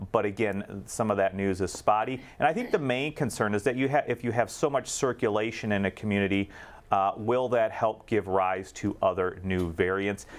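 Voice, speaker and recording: A man with a somewhat low voice gives expert medical commentary. He explains in a measured way, pausing on the occasional filler as he works through his points. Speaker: medical director, infectious disease expert.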